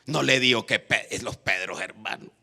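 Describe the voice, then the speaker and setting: Bright, gravelly Honduran evangelist. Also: male voice, on the low side, moderate pace. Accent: Honduran Spanish. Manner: repeats "hermano" constantly, calls for responses. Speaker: evangelist preacher. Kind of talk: sermon. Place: church.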